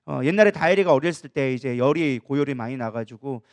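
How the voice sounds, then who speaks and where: A man's voice: medium pitch, fast talker, dry recording. A man preaching a sermon as pastor, asking the listeners questions as he explains the passage. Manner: lively preaching with rhetorical questions.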